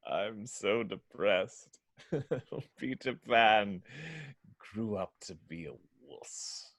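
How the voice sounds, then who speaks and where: Man playing haughty, slow-talking pirate villain Captain Hook. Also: lowish voice, sing-song, dry recording, full character voice. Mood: gloomy. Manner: haughty, deliberate, theatrical villainy. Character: pompous, villainous pirate captain, vain and menacing. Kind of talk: dramatic script read-through.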